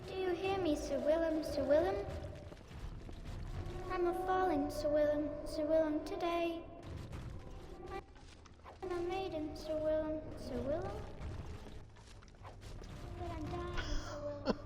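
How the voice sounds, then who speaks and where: A woman's voice: extremely high pitch, steady tone, unhurried, pauses often, background noise. An actress playing an eerie female ghost in a fantasy game, chanting in a lost, sing-song way.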